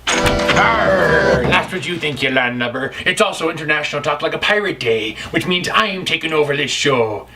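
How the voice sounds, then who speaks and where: A man playing a blustering pirate who talks in gruff pirate slang and bosses people around. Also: fairly high pitch, animated, normal speed, over loud music, pitched above the performer's own voice. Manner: growling pirate talk, bossy and pushy. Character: blustering pirate named Cowhead, adult man. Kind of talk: comedic sketch within a review show.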